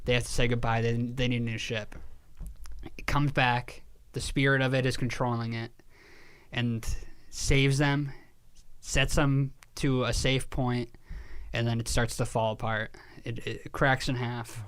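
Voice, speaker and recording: Animated man recounting a show, swearing freely. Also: medium pitch, a little slow, smooth. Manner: animated storyteller, swears casually, laughs at himself. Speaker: podcast co-host. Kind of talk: casual chat.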